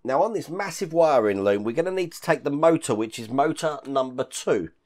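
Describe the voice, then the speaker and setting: With a fairly quick pace and animated intonation, a hoarse, husky man in his fifties runs his hobby channel's casual hands-on build. His deep, rough voice is croaky after illness and interrupted by occasional coughs. He chats about each step while handling the parts, and he records in a home hobby room crammed with collectibles.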